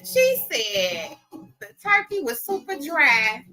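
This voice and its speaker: A middle-aged woman, telling stories in animated, slangy casual chat with plenty of laughs. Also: high voice, takes it slowly, music in the background, low-quality recording. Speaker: interviewee.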